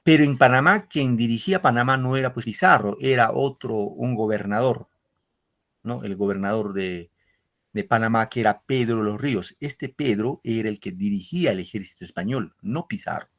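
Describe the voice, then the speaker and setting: A man's voice: mid-range voice, moderate pace, a bit bright. A man teaching an online literature class, explaining step by step and often checking in with his students.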